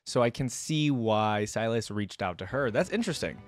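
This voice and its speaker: This reaction video host is a man with a lively pitch and a moderate pace, musing casually and posing questions to his viewers. He's at an indoor desk at home, commenting on game voice lines into a desk mic held close to his mouth, with soft music playing behind him.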